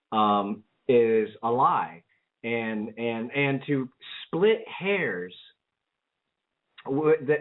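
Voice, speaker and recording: A man co-hosting a casual political talk radio show, rambling with lots of fillers and restarts. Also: mid-range voice. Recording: narrow phone-like audio.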